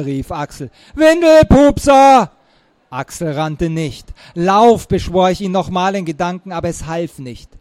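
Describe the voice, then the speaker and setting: A man reading a children's adventure novel aloud, lively and giving the characters loud outbursts. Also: high voice, no echo. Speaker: reader.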